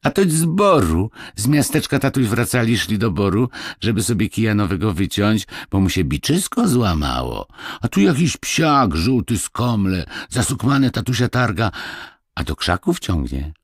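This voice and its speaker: Cheerful young peasant brothers chatter in a rustic, boyish way, as a man reads them in a storybook. The voices bounce up and down, with a husky edge. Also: lowish voice, big pitch swings, moderate pace, no echo, studio quality, voice pushed up, full character voice. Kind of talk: audiobook fairy-tale reading.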